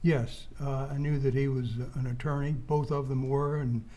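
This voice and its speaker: A man testifies as a witness in a hesitant, halting manner. His tone is mellow and his pitch stays within a narrow, even range. He sounds understated and measured, answering in a courtroom style.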